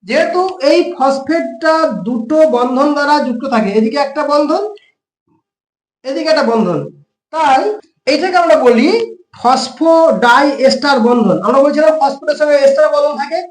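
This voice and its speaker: A woman teaching a science lesson with a West Bengal Bengali accent and a high voice. She works through each step and asks the class questions she then answers herself. The room around her is echoey. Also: a little fast, darkish tone.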